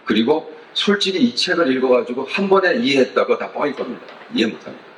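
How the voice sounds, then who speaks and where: A man hosting a church book talk, introducing the speaker in a relaxed, joking way. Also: medium pitch, quick pace, a little hiss or hum. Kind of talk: casual event introduction. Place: church hall. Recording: echoey hall with faint ambience.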